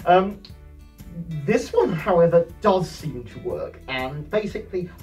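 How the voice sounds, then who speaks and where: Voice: mid-range voice, expressive, a little slow, a little mellow. British fursuiter talking inside a costume head. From United Kingdom. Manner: chatty, playful, rambling with fillers. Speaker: fursuiter vlogger. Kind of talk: casual comedic vlog. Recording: distant voice with background music.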